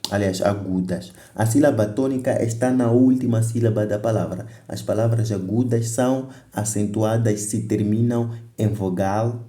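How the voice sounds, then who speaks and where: A man's voice: fairly low pitch, fairly even intonation, moderate pace, few pauses, mellow, reverberant. A man teaching a grammar lesson for exam preparation, explaining step by step, repeating examples and correcting himself as he goes. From Mozambique.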